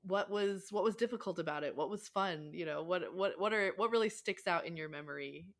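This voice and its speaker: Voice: mid-range voice, brisk, fairly bright tone. A podcast host asking a guest questions, restarting and searching for words. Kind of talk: interview questions.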